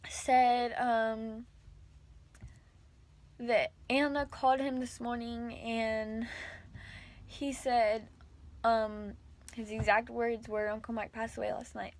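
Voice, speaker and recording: A young woman vlogger telling an emotional story, rambling and halting with many fillers and restarts, sometimes dropping to a hush. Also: a little high, a little hiss or hum. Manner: drops to a hushed whisper at sad moments.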